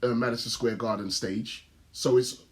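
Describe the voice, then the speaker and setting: A man with a London roadman accent co-hosts a film review show. His voice is medium in pitch, and he speaks casually, laying out his opinions in relaxed urban phrasing. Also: moderate pace. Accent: London, urban roadman slang. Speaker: podcast co-host reviewing films.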